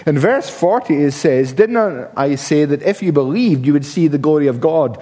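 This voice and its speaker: A man's voice: fairly high pitch, lively intonation, moderate pace, dark tone. A man preaching a sermon in an emphatic manner, often restarting his words. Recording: long reverb of a large hall.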